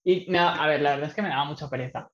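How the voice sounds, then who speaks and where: Man, fairly high voice, meandering laid-back film chat, roomy dull recording. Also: very fast, a bit bright. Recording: echoey, dull lo-fi sound.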